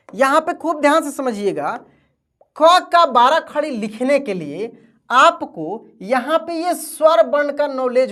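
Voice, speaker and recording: A woman teacher giving an online alphabet lesson, asking and answering her own questions. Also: high voice.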